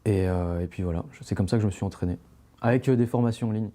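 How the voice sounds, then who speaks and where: A man's voice: on the low side, fast, dark tone. A young man, a podcast guest, talking casually and rambling with many fillers and restarts. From France. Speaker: interview guest, climbing brand founder.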